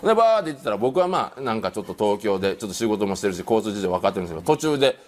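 関西弁でまくしたてる中年男性の語り. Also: male voice, fairly low pitch. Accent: Kansai. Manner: animated, acts out quoted voices, rapid delivery. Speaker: comedian telling an anecdote. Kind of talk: comic storytelling on a panel show.

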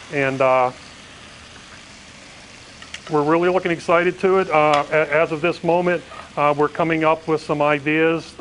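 A middle-aged man with a slightly high voice rambles on as a guest in a morning-TV studio kitchen. He talks through a lapel mic over a faint hiss of food frying on the stove, his sentences full of fillers and restarts. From Pennsylvania. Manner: rambling, many fillers and "and everything". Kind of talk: TV cooking segment interview. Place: studio kitchen set, indoors. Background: faint sizzling of frying food.

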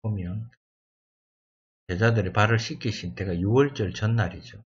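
A man teaching through Bible exam questions, reading English verses slowly and explaining them in his own words, thinking aloud as he goes. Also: lowish voice, husky, highs cut off. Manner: slow, deliberate reading of English verses with Korean glosses; thinks aloud and corrects himself. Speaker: exam prep lecturer.

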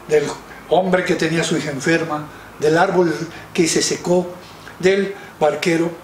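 High-voiced male children's storyteller. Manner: lively, addressing the children directly. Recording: roomy, distant mic, faint noise.

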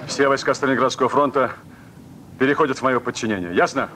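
An actor playing a middle-aged, authoritative Red Army commander speaking deliberately in a war film. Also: male voice, mid-range voice, noisy background, natural voice. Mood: stern, measured. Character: stern, measured senior Red Army commander.

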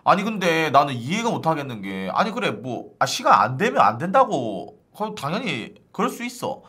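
A man's voice: a little high, huge pitch swings, moderate pace, pushed and bright. A male streamer ranting to his viewers in casual live-stream chat, exasperated and starting lines over and over. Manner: exasperated, ranting, repeats "아니" constantly.

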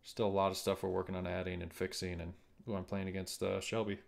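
Casting: laid-back guy, low gravelly voice, game dev streaming. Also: fast. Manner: relaxed, chatty, playful. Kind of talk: casual chat while gaming.

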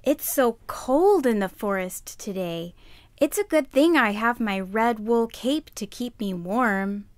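A woman voicing a kind, timid little girl in a children's puppet show, sweet and deliberate. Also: fairly high pitch, expressive, dry recording.

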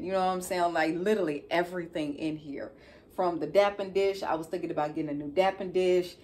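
A nail technician vlogger in her thirties from Chicago tells a story in her living room at home, speaking casually and colloquially with a Chicago accent. Her deep voice often tags phrases with "you know what I'm saying," and there's a slight hiss or hum.

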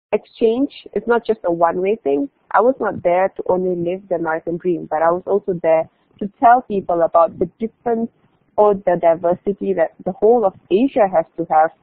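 A young adult woman from Malaysia gives a casual online presentation about her exchange year, often saying "like" and restarting her phrases. Her voice is lowish, with no room sound, and the audio is tinny, like a phone or online call.

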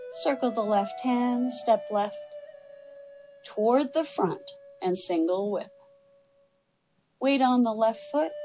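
An older woman instructor calling out tai chi movements in serene, measured short phrases. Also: medium pitch, darkish tone, rough recording.

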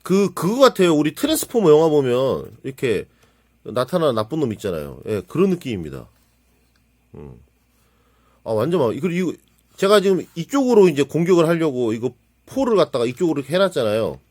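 A man casually narrating as he assembles and shows off a plastic model kit, excitable and prone to exclaiming and muttering to himself while he handles the parts. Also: fairly high pitch, brisk. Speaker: model kit builder reviewing his build. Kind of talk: casual hands-on hobby narration.

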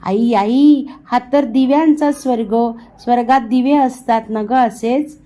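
Woman voicing storybook little boy, innocent and eager, pitched high. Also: measured pace, mellow, close to an everyday voice. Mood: excited. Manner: eager, wondering questions.

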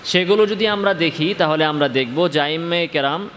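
A man from Bangladesh teaching Quranic letter pronunciation in a slow spoken lesson. He asks his listeners questions, answers them himself, and draws out each letter sound. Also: a little high, fairly bright tone, big-room sound, slight background noise.

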